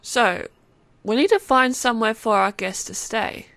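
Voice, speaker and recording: A woman's voice: fairly high pitch, measured pace, gravelly, fairly bright tone, dry recording. A woman voicing a young, perceptive female cat-alien believer who talks in a wry, good-humored way in an audiobook. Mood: cheerful. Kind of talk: audiobook character acting.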